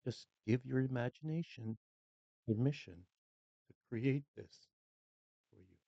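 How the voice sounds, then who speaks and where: In an unhurried, scripted guided relaxation, a meditation guide with a medium-pitched voice and some vocal fry speaks very slowly and calmly. Long pauses separate the short phrases, and the recording is dry and a little dull, with little room sound.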